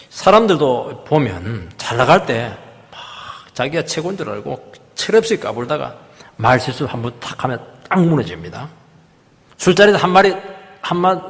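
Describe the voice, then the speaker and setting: A male pastor preaching a sermon in a church, emphatic, swinging from loud rises down to hushed drops. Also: mid-range voice. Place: church sanctuary. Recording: long hall reverb.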